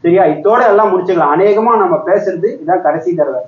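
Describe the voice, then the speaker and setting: A man's voice: high-pitched, brisk, reverberant, dull audio, natural voice. A man playing a young man who defends himself and pleads with his angry girlfriend in a comedy skit. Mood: pleading defensive. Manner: pleading, defensive, repeats questions. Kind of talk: comedy skit phone argument.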